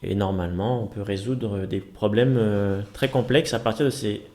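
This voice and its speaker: A man's voice: on the low side, normal speed, darkish tone. A man teaching a programming exercise, thinking aloud with many fillers and restarts.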